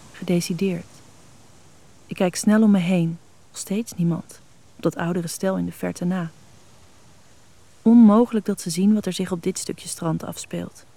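A woman reading a scripted story in a soft, intimate, unhurried way with a husky voice. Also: lowish voice. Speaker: narrator. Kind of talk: scripted erotic story narration.

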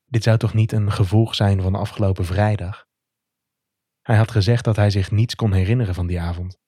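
A man with a lowish, mellow voice reads a romantic first-person story. He keeps it soft, intimate and measured, close and dry with no room around him. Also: fairly even intonation, husky, dry recording. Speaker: narrator.

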